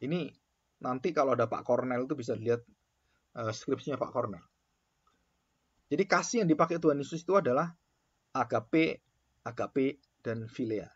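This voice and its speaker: A man's voice: medium pitch, a little fast, long pauses, breathy edge, highs cut off. A man lecturing theology students in an emphatic, sermon-like way, repeating his key phrases for weight.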